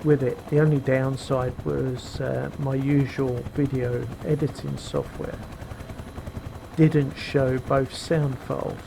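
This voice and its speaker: This is casual flight sim commentary from a middle-aged video maker whose very deep voice carries vocal fry and a level tone. Taking his time and using lots of fillers, he explains his simulated helicopter flight into a cheap headset mic, with loud engine and rotor sounds in the background.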